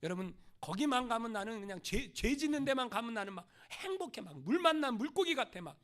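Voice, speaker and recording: A man's voice: very high voice, very animated, fairly quick, a bit bright. A male pastor preaching a sermon, pressing his points with rhetorical questions and strong emphasis.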